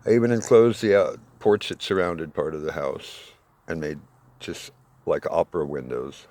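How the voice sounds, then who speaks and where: A man in his sixties giving a rambling, aggrieved monologue, swinging between loud bursts and low muttering. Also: normal speed. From United States. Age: 60s. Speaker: self-made video appeal.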